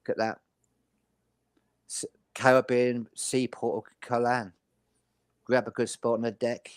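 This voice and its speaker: A man of medium pitch hosts a casual chat, presenting details and prompting others. The sound is very dry, with no room echo. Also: little pitch movement, a little slow, clean tone. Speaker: host.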